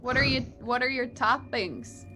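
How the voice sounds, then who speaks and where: A woman's voice: a little high, measured pace, music in the background. A woman playing a tabletop game, casual and playful, asking lots of questions. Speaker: player. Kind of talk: casual tabletop role-play.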